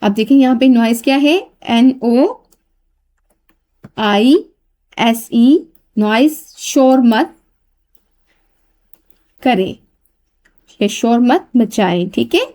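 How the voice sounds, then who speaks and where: A woman's voice: on the high side, extremely slow, long pauses, warm tone. A woman teacher explaining an English workbook exercise, spelling each word letter by letter and translating it. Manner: spells words letter by letter, then repeats and translates them.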